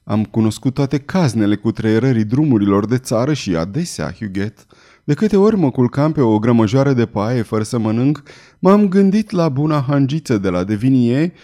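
A man's voice: mid-range voice, mellow, close to an everyday voice. A man reading an audiobook, voicing a brooding, vengeful swordsman with a stern, menacing delivery.

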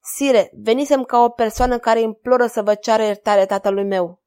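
A woman reads the part of a young duchess, frightened but defiant, in a storybook tale. Her voice is high and urgent, pleading yet firm. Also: steady tone, mellow, close to an everyday voice. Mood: firm dignified.

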